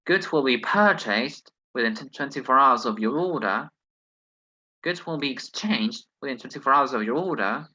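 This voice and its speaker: A man's voice: mid-range voice, lively intonation, normal speed, bright, forceful tone, lo-fi sound. A man who is not a native English speaker teaches an online lesson, reasoning hesitantly through exercises with many fillers. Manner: hesitant, thinks aloud, many "well"s.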